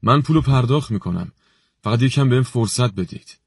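A man's voice: medium pitch, lively intonation, gravelly, breathy edge, dry recording, studio quality, pitched above the performer's own voice. A man doing a desperate young soldier. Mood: earnest. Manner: trembling, pleading, breaks into shouting.

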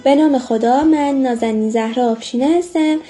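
A woman narrating a storybook in an expressive reading voice. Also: sits high. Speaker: audiobook reader. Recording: faint music underneath.

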